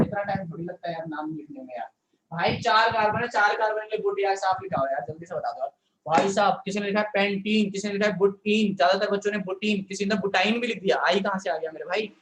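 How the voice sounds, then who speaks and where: A man's voice: high-pitched, reverberant, background noise. Scolding, joking male science teacher. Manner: scolding, playful teacher banter; repeats filler "yaar" often. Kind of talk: live online class lecture.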